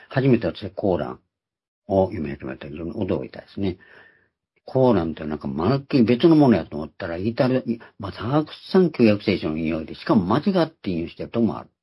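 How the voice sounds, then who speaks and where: A man preaches a Bible lesson in a husky, breathy voice that sits fairly low. His pitch swings widely as he stresses and repeats the key words. The recording sounds dull and lo-fi. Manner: explains term by term, repeating key words for emphasis. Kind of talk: Bible teaching sermon.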